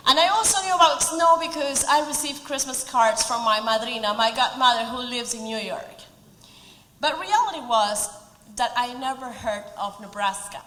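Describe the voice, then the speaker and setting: A Peruvian woman in her forties, a native Spanish speaker with a Peruvian Spanish accent, delivers a prepared, earnest speech with touches of humor at a community event. Her voice is on the high side, pushed and bright, at a normal pace. The event hall adds roomy reverb, with slight background noise.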